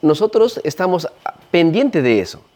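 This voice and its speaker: A man's voice: fairly high pitch, normal speed. A man with a Peruvian Spanish accent, an ayahuasca practitioner talking in a casual interview and animatedly acting out the people he describes. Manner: animated storyteller, acts out quoted voices.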